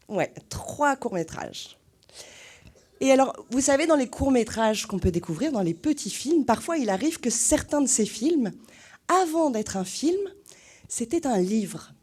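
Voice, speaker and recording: A woman hosting a film screening for young children, asking them questions in a lively way. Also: a little high, husky. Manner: animated, asks the children questions. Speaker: cinema host presenting a screening to children. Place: cinema hall.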